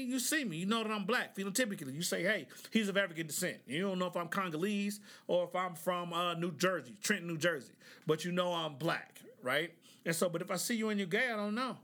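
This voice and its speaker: Man, podcast host, casual commentary, high voice, bright tone, frequent "right?" asides. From Oklahoma.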